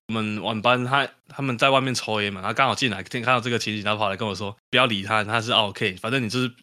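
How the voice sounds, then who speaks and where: A young man with a Taiwanese Mandarin accent, telling stories as a podcast co-host in an animated way, often laughing. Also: fairly low pitch, fast talker, few pauses. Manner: animated retelling, acts out quotes, frequent laughs. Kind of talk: casual chat, storytelling.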